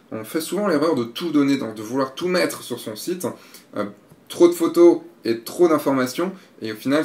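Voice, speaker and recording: A man's voice: mid-range voice, reverberant. A man giving a frank, casual critique of a photographer's website, blunt and given to swearing.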